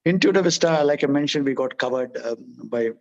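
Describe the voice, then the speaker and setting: A man's voice: on the high side, expressive, brisk, darkish tone. A man with an Indian English accent, an entrepreneur telling stories in an interview, who repeats words, restarts and often adds "okay, right?". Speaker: entrepreneur guest. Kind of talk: conversational storytelling in an interview. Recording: dull lo-fi recording.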